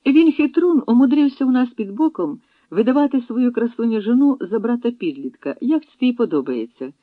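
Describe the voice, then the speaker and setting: A man's voice: on the high side, sing-song, normal speed, dry recording. A man voicing a commanding, hearty nomad raider leader, on a tinny phone-like recording. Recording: tinny phone-like dry sound.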